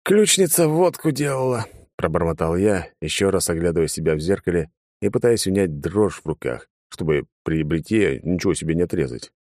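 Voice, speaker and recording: A man's voice: low voice, brisk, darkish tone, dry recording, studio quality. A man narrating a humorous sci-fi audiobook in the first person, with a wry, sardonic tone.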